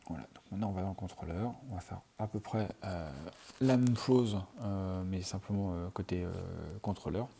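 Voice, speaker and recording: A man's voice: sits low, steady tone, moderate pace, vocal fry, mellow, a little hiss or hum. A man teaching programming in a screencast, talking through his code as he types, with many fillers. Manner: thinks aloud while typing, many fillers. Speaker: programming tutor. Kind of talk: screencast coding tutorial.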